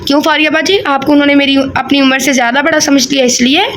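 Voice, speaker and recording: A woman voicing a cheeky, sharp-tongued young bride-to-be in a storybook reading, with quick teasing retorts. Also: sits high, fairly even intonation, a little hiss or hum.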